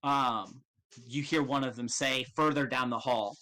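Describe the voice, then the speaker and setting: A man narrates a tabletop game as its game master. His voice is bright and forceful at a middling pitch, and his delivery is casual, halting and loosely improvised. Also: steady tone. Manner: casual, halting, swears freely.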